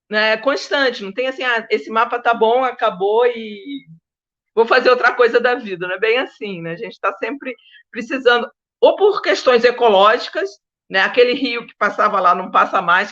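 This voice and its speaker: In dull-sounding audio, a Brazilian woman who studies the history of science speaks on an informal academic panel. Her pitch runs on the high side with a bit of brightness, and her delivery is emphatic and wandering as she keeps making sure people follow.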